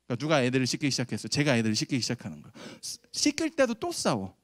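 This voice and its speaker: A man in his thirties preaching a lively sermon to middle schoolers, telling a family story and asking the audience questions. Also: mid-range voice, very fast, no echo, studio quality. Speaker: youth pastor. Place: church sanctuary.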